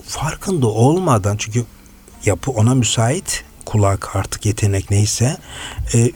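A man's voice: mid-range voice, breathy edge. A man from Kars, a guest voice impressionist, telling stories animatedly on a radio show. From Kars, Turkey. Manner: animated, shifts into imitated voices. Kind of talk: casual storytelling. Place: radio studio.

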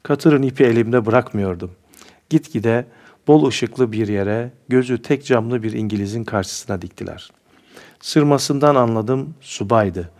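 A man's voice: medium pitch, unhurried, a little mellow, lightly acted. A man voicing a cheeky rustic young soldier. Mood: spirited. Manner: rustic folksy speech, boastful storytelling.

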